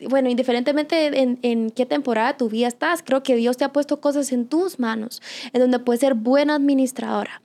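A woman's voice: sits high, fairly even intonation, a little fast, darkish tone. A young woman, hosting a casual faith-based chat and giving earnest, encouraging advice with many fillers.

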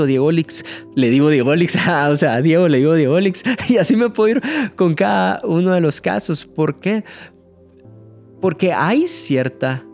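A man preaching a sermon, earnest and slowing down to stress key phrases, with light jokes. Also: sits high, darkish tone.

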